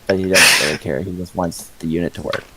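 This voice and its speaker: A man's voice: deep voice, fairly even intonation, quick pace, heavy background noise. A man talking during a tabletop game, blunt and matter-of-fact. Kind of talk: in-character role-play discussion.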